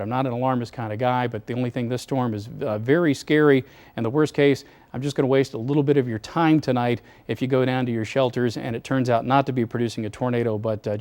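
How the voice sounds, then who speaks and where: A man anchoring live severe weather coverage, explaining radar in a measured, serious way and urging caution. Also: medium pitch, darkish tone. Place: TV studio.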